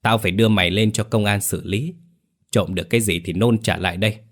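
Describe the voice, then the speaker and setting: A narrator puts on a hot-tempered village man. He swears in a low, rough voice, spitting abuse in rapid bursts. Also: steady tone. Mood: furious. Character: hot-tempered, foul-mouthed middle-aged village man.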